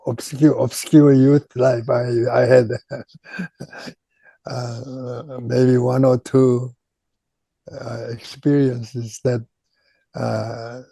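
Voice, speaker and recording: A retired chemistry professor, an older man from Japan with a Korean accent and Korean as his native language, recounts his career in an oral history interview. Halting speech, frequent pauses and repeated words fill his account. His mid-range voice is warm, slightly rough and fried, with no room sound.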